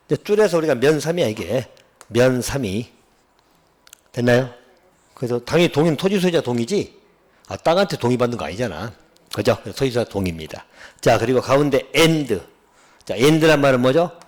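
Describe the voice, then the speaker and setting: A man teaching an exam-prep real estate law class, bluntly drilling students and often asking whether they follow, slowing down to spell out key terms. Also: medium pitch. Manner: drills students with repeated check-in questions.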